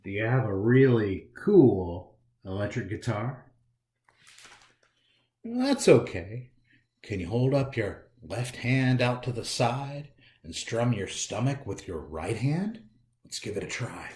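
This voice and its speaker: Reading aloud at a library storytime, an American man performs a picture book for young children with animated, theatrical delivery and widely swinging pitch. He goes slowly and talks right to his audience, and the indoor room is large and echoey.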